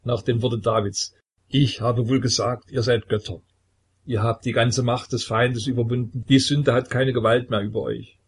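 A man's voice: medium pitch, level tone, normal speed, husky. A man voicing an old male sect leader who preaches with coaxing, jovial authority in a storybook reading. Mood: preaching. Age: older.

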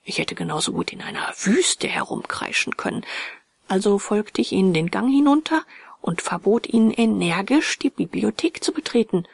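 Woman narrator, husky, whispery, slow ghost-story delivery. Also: mid-range voice, big pitch swings, no room sound. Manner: often half-whispered, slow and hushed. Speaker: audiobook reader.

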